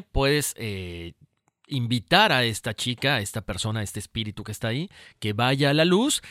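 A man, co-hosting a spiritual talk show and giving gentle, reassuring advice. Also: medium pitch, dry recording, clean studio sound. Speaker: podcast co-host. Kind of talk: casual spiritual talk and reading listener messages.

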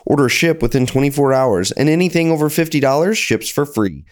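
A man reading a scripted product ad in an upbeat sales pitch. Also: animated, brisk. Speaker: ad reader. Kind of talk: scripted ad read.

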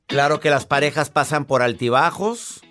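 A man's voice: a little high, moderate pace, music in the background. Chatty radio host, joking man. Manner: chatty and joking, playfully acting out couples. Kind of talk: casual radio chat.

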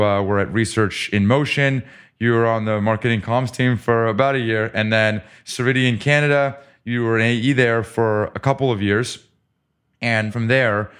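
Man, podcast host, low voice, upbeat, joking, casual interview. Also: a bit bright, clean tone. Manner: upbeat, joking, reads guest background briskly.

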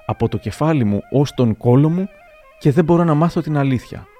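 A man's voice: a little high, expressive, mellow, faint music behind, pitched above the performer's own voice, natural voice. A man reading as a sly old general. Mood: wry. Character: proud old male general, blunt and sly.

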